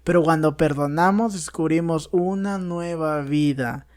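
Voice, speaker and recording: Higher-voiced man hosting a reflective chat. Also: measured pace, darkish tone. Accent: Peruvian Spanish. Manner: reflective, hesitant with restarts when asking. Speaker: podcast host. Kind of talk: casual interview chat.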